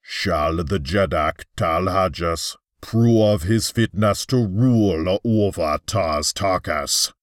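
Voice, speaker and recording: A man's voice: deep voice, slow, few pauses, dry recording, studio quality. A man voicing an aged, stern male alien chieftain who speaks in a grave, commanding way. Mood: cold.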